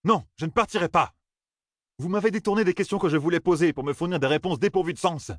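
A man voicing an angry, defiant young man who shouts curses in a raised voice. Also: sits high, fast, dry recording, studio quality, voice pushed up.

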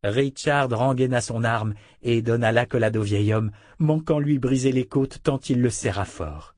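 A man narrating a fantasy audiobook in a measured, even reading. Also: medium pitch, no room sound, studio quality.

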